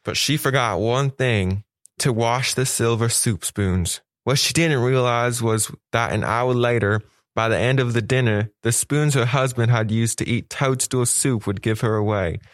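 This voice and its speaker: A man voices a blunt, businesslike homicide sergeant in a vintage radio mystery. He talks in a plain, mid-pitched, deliberate way. The sound is dry and close. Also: no echo, close to an everyday voice. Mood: explaining. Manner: matter-of-fact, deliberate. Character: gruff male police homicide sergeant, blunt. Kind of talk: 1940s radio drama acting.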